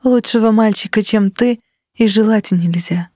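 A woman's voice: medium pitch, unhurried, warm tone, dry recording, clean studio sound, voice pushed up, lightly acted. A woman voicing a cold, domineering sorceress mother in an audiobook, speaking in an icy, scolding, sharply emphatic way. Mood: cloying sweetness. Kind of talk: audiobook character reading.

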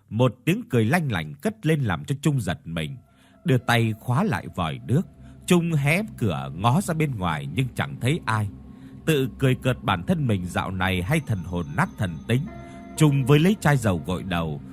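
A man narrating a ghost story audiobook in an expressive storytelling manner. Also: mid-range voice.

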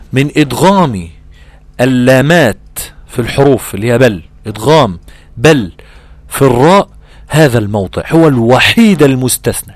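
A man with an Egyptian accent teaching Quran recitation rules in a lively, conversational way, acting out imagined student questions. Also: mid-range voice, dry recording. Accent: Egyptian Arabic. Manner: animated, acts out imagined student exchanges, drawn-out recitation examples. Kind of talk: Egyptian colloquial tajweed lesson.

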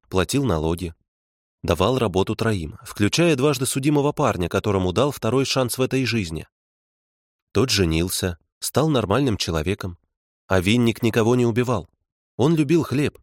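A man voicing a calm, composed woman investigator who speaks evenly and without emotion. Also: on the low side, normal speed, dry recording, clean studio sound, lightly acted. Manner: cool, even, dispassionate.

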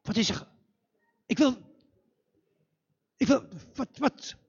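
A flustered old storybook king, as a man puts him on, stammering and halting in a high, lively voice. The recording is a bit muffled. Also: creaky, husky, full character voice.

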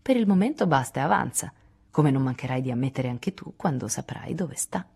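A woman's voice: very deep voice, animated, fairly quick, vocal fry, dark tone, slightly rough, heavily acted. A woman reading aloud, voicing a cheerful, teasing teenage boy in a playful, coaxing way.

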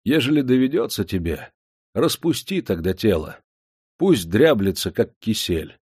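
A man's voice: fairly low pitch, sing-song, unhurried, a little mellow, husky, no room sound, clean studio sound, full character voice. A man voicing an old miner giving stern advice in folk speech. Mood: instructive.

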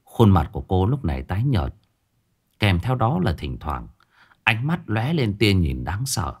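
Male ghost story narrator, lively delivery. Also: on the low side, measured pace, breathy edge. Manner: colloquial, vivid, crude asides.

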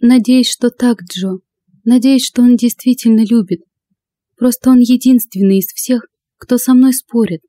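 A woman reading an audiobook, voicing a sharp-tongued young woman friend who speaks fiercely. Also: on the high side, a little slow, dry recording, pitched above the performer's own voice, lightly acted. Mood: wistful. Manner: fierce, hissing.

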